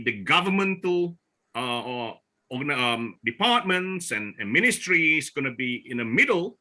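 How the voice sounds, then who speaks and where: Over a video call, a man from Borneo presents slides at a forum, his voice very bright, forceful, and slightly higher than most men's. His delivery is halting, full of restarts and filler sounds as he doubles back on his words.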